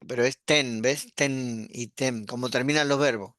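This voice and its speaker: A man, a pastor teaching an online class, explaining patiently and repeating words slowly. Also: medium pitch, fairly even intonation, a bit bright, no echo, studio quality.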